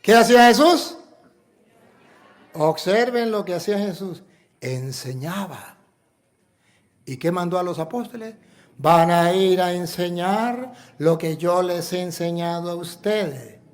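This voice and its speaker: A Venezuelan priest preaching a sermon in an emphatic, repetitive way, full of rhetorical questions. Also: male voice, high voice, animated, a little slow, pauses often. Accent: Venezuelan Spanish.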